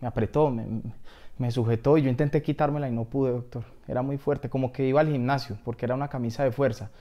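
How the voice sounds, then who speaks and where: A man telling an absurd comedy story in a deadpan way, as if talking to a doctor. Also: mid-range voice, fast talker, highs cut off.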